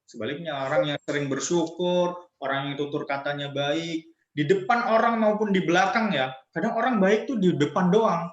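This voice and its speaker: Young man, higher voice, playful kids' storyteller; echoey, dull lo-fi sound. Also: normal speed. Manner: playful, acts out quoted voices. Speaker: religious storyteller for children. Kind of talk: storytelling lesson for kids. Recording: echoey lo-fi recording.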